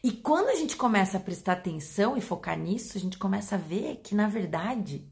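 A woman with a Brazilian Portuguese accent, a pet behavior educator explaining to her audience in an animated way, acting out examples. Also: mid-range voice, brisk, creaky. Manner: animated, acts out examples with voice changes.

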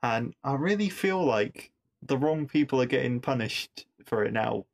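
Man, podcast host, casual episode recap, mid-pitched voice, wry asides, repeats words while thinking. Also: expressive, normal speed, vocal fry.

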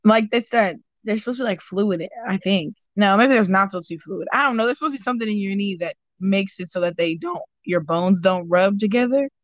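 A woman's voice: mid-range voice, a little fast, few pauses, dry recording. A young woman co-hosting a casual chat, joking and laughing often. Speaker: podcast co-host.

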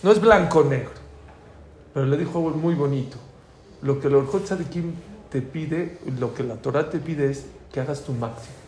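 A man's voice: a little high, normal speed. A middle-aged man with a Mexican Spanish accent teaching an informal religious class, telling anecdotes and acting out the dialogue. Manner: lively storyteller, acts out dialogue. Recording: echoey room with faint ambient noise.

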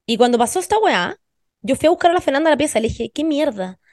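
A young woman with a Chilean accent carries the podcast, spinning stories in quick, slangy, animated chat full of swearing. Her voice sits a touch high and is captured close and dry, with no room sound. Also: no room sound. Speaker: podcast host. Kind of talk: casual chat.

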